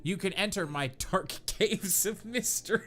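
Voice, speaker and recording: This man's voice is high-pitched and a bit bright, at a moderate pace. As a podcast host, he reads poor fan fiction aloud for comedy, stumbling on the awkward prose, laughing as he goes and mocking it in disbelieving asides.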